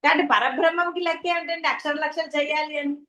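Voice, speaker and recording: A woman's voice: sits high, fairly even intonation, quick pace, pushed and bright, highs cut off. A woman with a Telugu accent giving a devotional discourse as a spiritual teacher, asking her listeners rhetorical questions.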